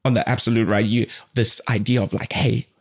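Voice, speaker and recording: A man hosting a casual podcast conversation, animated and rambling at times. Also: fairly low pitch, fast talker. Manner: animated, loses his train of thought. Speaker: podcast host.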